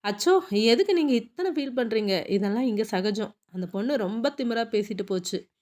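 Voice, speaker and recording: A woman's voice: on the high side, expressive, moderate pace, a little mellow, lightly acted. A woman reading the lines of a talkative, joking young man who works on a film set, in a Tamil audiobook. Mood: chatty. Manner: long-winded, joking. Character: chatty young male film-set assistant.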